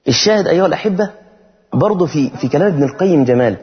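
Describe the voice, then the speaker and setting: A man preaching with an Egyptian Arabic accent, talking casually and lively, then slowing down to chant verses in a melodic tone. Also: on the high side. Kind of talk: sermon. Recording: dull sound with long hall reverb.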